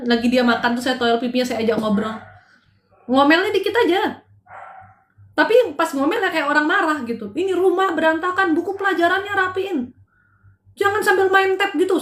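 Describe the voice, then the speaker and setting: Middle-aged lady on a live stream giving marriage advice, high voice, kinda blunt and scolding, roomy echoey sound. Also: a bit bright. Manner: direct, scolding then chatty, switches to English phrases. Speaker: live-stream counselor answering viewers' chat. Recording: roomy echo.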